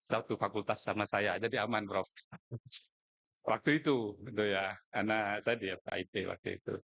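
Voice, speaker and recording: A man's voice: fairly low pitch, steady tone, moderate pace, fairly bright tone, highs cut off. A middle-aged man from Madura, giving an informal, joking speech at a contest. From Madura, Indonesia. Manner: chatty, joking, colloquial asides.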